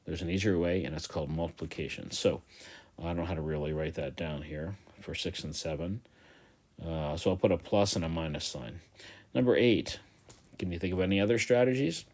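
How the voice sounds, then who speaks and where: A man teaching a recorded math review lesson, chatty and joking, repeating each step slowly. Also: deep voice, darkish tone. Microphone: tablet voice-over of a whiteboard.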